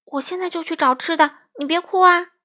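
A woman voicing an eager, bumbling young male crow in a storybook, excited and pleading. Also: sits high, normal speed. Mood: anxious pleading.

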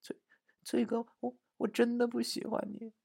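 A man's voice: very high voice, monotone, moderate pace, gravelly, a little mellow, slightly rough, no echo, voice pushed up, full character voice. A man voicing a timid young person who murmurs hesitantly, close to tears.

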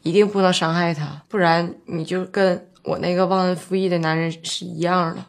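A woman's voice: lowish voice, fairly even intonation, normal speed, close to an everyday voice. An actress playing a heartbroken young village woman, drunk and tearful, pleading, in a TV drama with violin music behind. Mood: drunk sorrowful. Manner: tearful, pleading, slurred from drink. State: drunk and crying. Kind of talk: TV drama acting.

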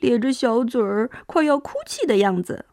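A young woman with a fairly high, slightly mellow voice teaches English to small children, gently coaxing them and drawing out each sound as she demonstrates the phonics. The recording is studio quality with no echo.

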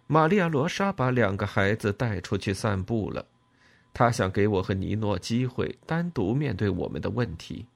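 A man narrating an audiobook in an expressive, emotional storytelling manner. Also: fairly low pitch, normal speed, gravelly.

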